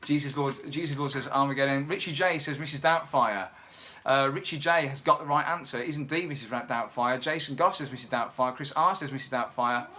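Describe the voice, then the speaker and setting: A man's voice: medium pitch, brisk, pushed and bright. A man hosting a casual livestream from home, chatting and reading out viewer comments. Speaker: livestream host and musician.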